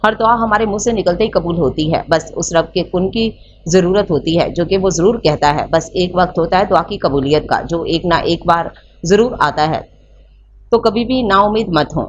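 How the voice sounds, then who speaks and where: A woman narrating a romance novel aloud in a steady, measured reading. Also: fairly low pitch. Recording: slightly muffled with faint hiss.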